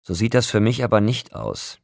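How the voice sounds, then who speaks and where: A man's voice: lowish voice, steady tone, normal speed, vocal fry, darkish tone, no echo, clean studio sound, voice pushed up. A man reading an audiobook, voicing an upset young man who urgently pleads with a friend. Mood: pressing.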